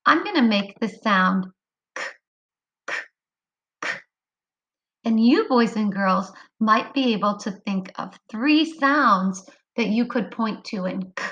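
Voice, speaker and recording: A woman teaching a kindergarten phonics lesson online, speaking clearly and encouragingly to young children. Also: mid-range voice, lively intonation, measured pace, fairly bright tone, dull audio.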